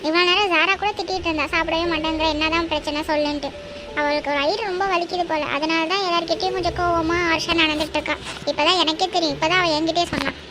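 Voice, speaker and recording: A woman's voice: very high voice, fairly even intonation, fast talker, noisy background. A woman voicing a bossy young woman friend in a cartoon, giving firm, scolding advice. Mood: covering up. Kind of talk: cartoon voice acting. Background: music.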